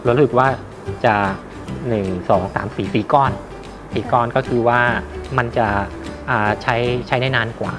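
Over music, a medium-pitched man selling radio equipment walks through a casual product demonstration. His delivery is halting, full of repeats and hesitations.

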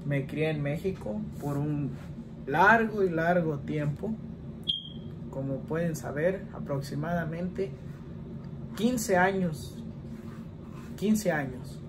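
Background noise accompanies a man in his twenties whose voice is on the high side. With a Mexican Spanish accent, he chats loosely in a home vlog, answering questions in a rambling way and tagging many lines with "¿verdad?", all from a small indoor room with a plain wall.

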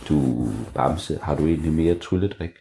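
A man's voice: rumbling low, mellow, echoey room, slight background noise, pitched below the performer's own voice. A man voicing a cheeky young boy in a children's storybook tale, talking playfully.

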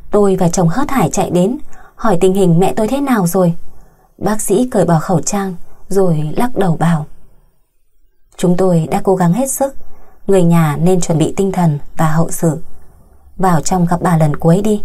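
A woman's voice: fairly low pitch, warm tone, breathy edge. A woman narrating a scripted first-person audiobook story in an emotional, grieving manner.

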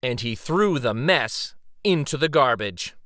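In a dramatic read-aloud of a children's story, a male picture book host goes slowly and leaves theatrical, suspenseful pauses. He sounds animated and a bit bright, his pitch ranging widely over a dry recording with no room sound.

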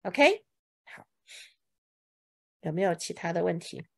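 A woman teaching English words to a class, asking questions, drilling each word slowly and saying OK a lot. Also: fairly low pitch, sing-song, creaky, a bit bright, husky. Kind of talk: bilingual vocabulary lesson to a class.

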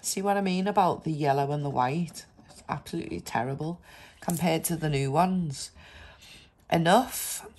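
This scratch card vlogger has a cold that's left her stuffed up, and she chats casually over the video while calling out the letters and numbers she uncovers. She speaks in a low, slightly mellow, breathy voice at a moderate pace.

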